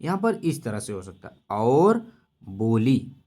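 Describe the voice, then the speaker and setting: A man's voice: medium pitch, big pitch swings, mellow. A man teaching English-to-Hindi translation, going over each word again and again and asking his listeners questions as he explains. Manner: slow, repeating each word many times while explaining; asks students rhetorical questions.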